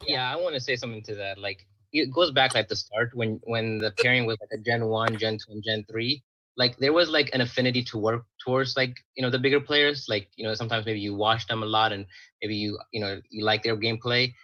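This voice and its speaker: A man, a former contestant, chatting casually on a video call in a halting way with many fillers. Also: mid-range voice, fairly even intonation, pushed and bright, no room sound. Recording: slightly dull lo-fi audio.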